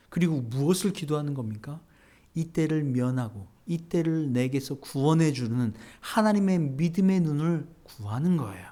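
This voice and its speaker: A pastor delivers a heartfelt sermon in a high, light male voice. He talks directly to his listeners, sinking into soft, almost whispered passages before building back up to forceful, ringing emphasis. His delivery stays earnest throughout. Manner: swings between hushed near-whispers and raised, emphatic preaching; earnest, addresses the congregation directly.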